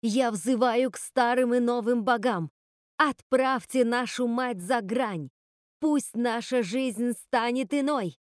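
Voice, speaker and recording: A woman's voice: slow, no room sound, studio quality. A woman reading aloud and voicing a young witch girl who fights to save her sisters, urgent and pleading. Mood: chanting. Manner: urgent, pleading, high-strung.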